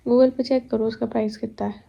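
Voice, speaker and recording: A woman's voice: a little high, little pitch movement, fairly quick, creaky, dark tone, lo-fi sound. A young woman chatting to her viewers at home in a casual vlog, telling stories about her day. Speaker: vlogger. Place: at home, kitchen.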